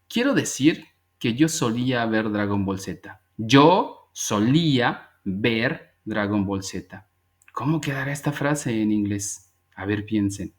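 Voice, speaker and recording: A man teaching an English grammar class, patiently explaining step by step and repeating each phrase before checking that students follow. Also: medium pitch. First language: Spanish.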